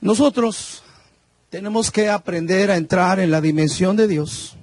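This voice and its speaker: A man with a strikingly high voice delivers a fervent sermon, swinging between personal testimony and forceful scripture reading. The sound is dry and close. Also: a little slow, no echo. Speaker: guest preacher. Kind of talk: Pentecostal sermon.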